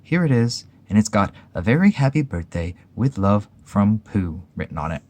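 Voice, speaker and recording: A man's voice: lowish voice, sing-song, moderate pace, darkish tone. A man voicing Pooh, a cheerful simple-minded male teddy bear in a storybook reading, with an eager manner.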